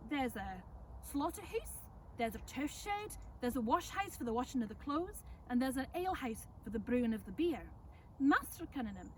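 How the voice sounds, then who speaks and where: Woman performing a historical servant storyteller, Ulster Scots accent, high-pitched, folksy and expressive, outdoor recording with some noise. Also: distant mic, poor audio. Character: chatty, welcoming servant woman of a 17th-century Irish estate. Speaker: costumed storyteller. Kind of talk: in-character historical storytelling to visitors. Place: outdoors in front of a house.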